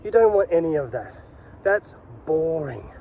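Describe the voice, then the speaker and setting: Delivering an instructional talk to camera, the sales coach and video host is emphatic, full of repeated key phrases and rhetorical questions. His slightly high voice has a dark tone and big pitch swings, and he moves at a measured pace.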